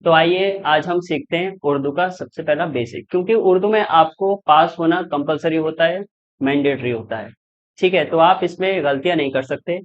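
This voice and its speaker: A man's voice: a little high, moderate pace. A male tutor gives a patient online lesson, asking his students a question and then answering it himself. He goes over each point more than once. The recording sounds dull and lo-fi. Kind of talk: online exam-prep lesson.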